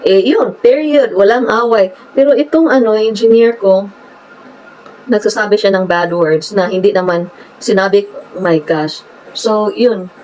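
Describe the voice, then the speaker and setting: A woman's voice: mid-range voice, unhurried, darkish tone, rough recording. A woman from the Philippines, telling her viewers a story in an emphatic, exasperated way. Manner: emphatic, exasperated retelling with acted quotes. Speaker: vlogger.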